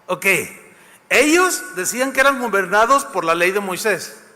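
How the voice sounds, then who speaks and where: A man's voice: high voice, bright, forceful tone, big-room sound. A man with a Mexican accent preaching a sermon, retelling scenes vividly and addressing the congregation. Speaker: pastor.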